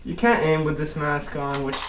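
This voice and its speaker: Muffled behind a balaclava and mask, a young man talks at normal speed in a fairly high, level voice while casually reviewing an airsoft mask indoors. He rambles and swears mildly throughout the vlog. The background is noisy, and the camera audio sounds distant and roomy.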